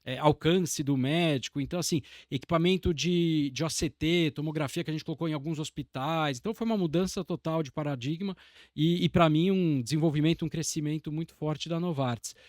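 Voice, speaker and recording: A man's voice: fairly high pitch, a little fast, darkish tone, no room sound, clean studio sound. Brazilian man, rambling career stories. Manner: reflective, meandering storytelling with many restarts. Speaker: podcast guest. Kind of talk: casual interview conversation.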